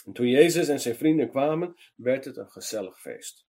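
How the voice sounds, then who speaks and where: A man reading a children's Bible story in a lively storytelling manner for a meditation program. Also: mid-range voice, moderate pace, breathy edge.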